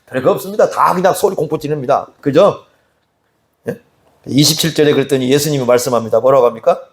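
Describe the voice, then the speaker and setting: A man's voice: fairly high pitch, fast talker. A male pastor preaching an expository sermon in a conversational way, often asking the congregation questions. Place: church sanctuary.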